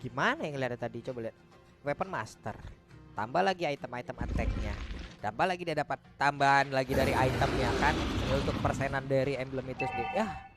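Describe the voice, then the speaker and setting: A man's voice: mid-range voice, fairly quick, over music. A man giving casual, slangy esports commentary in a bantering, colloquial way.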